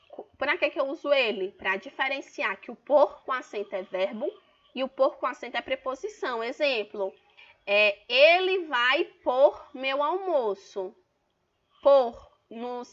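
A woman's voice: high voice, fairly bright tone, highs cut off. A woman teacher giving an online grammar lesson, explaining patiently and drawing out example words for stress.

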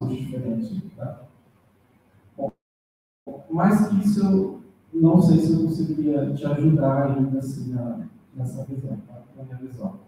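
A man from Rondônia in Brazil giving halting academic feedback in a seminar, full of tag questions and restarts. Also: medium pitch, mellow. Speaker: seminar discussant. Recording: echoey room, distant mic, faint noise.

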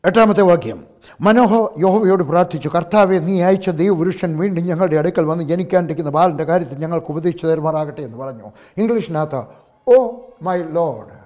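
An older male pastor preaching a sermon, telling a story that swings from hushed passages to loud exclamations and calls of hallelujah. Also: high-pitched.

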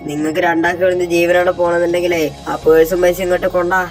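A man voicing a thief pretending to be a ghost in a game role-play, talking slowly and threateningly. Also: high-pitched, little pitch movement, soft background music, natural voice. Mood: menacing. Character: thieves posing as ghosts, menacing then meek.

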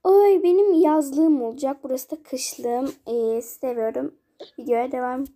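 A very high, light female voice narrates a casual life-sim game. She chats along and plays out little scenes with her characters. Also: a little slow, mellow. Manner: chatty, plays out scenes with dolls.

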